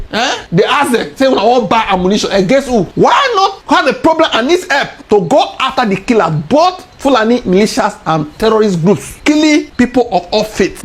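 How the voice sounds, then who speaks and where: A woman with a Nigerian accent giving casual commentary, mixing pidgin with reading her written reply aloud. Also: high-pitched.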